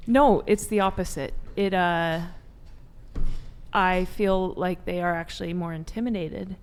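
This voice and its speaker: A woman's voice: fairly low pitch, measured pace, clean tone. Chatty woman from Eastern Europe. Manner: chatty, laughs easily, lots of fillers. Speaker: guest. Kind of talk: casual panel chat.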